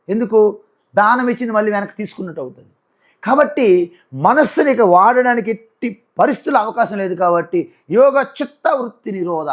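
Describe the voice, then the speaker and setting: A man, a swami, giving a Vedanta discourse in a storytelling way with rhetorical questions and speech. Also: sits high. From South India. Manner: slow drawn-out chanting of verses. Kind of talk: spiritual discourse with chanted Sanskrit verses.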